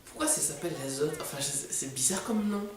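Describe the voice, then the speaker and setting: A man's voice: a little high, expressive, fast talker. A man giving casual, mocking film commentary, exasperated and sarcastic, with outbursts and swearing. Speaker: host reacting to an animated film. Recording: echoey room, distant microphone.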